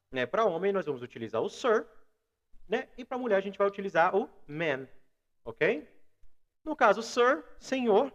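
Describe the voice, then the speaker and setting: A man with a Brazilian Portuguese accent teaching an English lesson, patiently explaining and slowly modeling phrases for students to repeat. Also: a little high. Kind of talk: recorded online language lesson. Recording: dull lo-fi recording.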